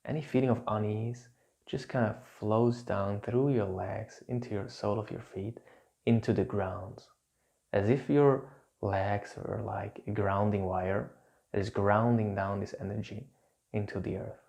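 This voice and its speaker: Low, mellow man leading a calm grounding exercise. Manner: soothing, repetitive, gentle instructions with pauses. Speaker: instructor leading a guided relaxation exercise.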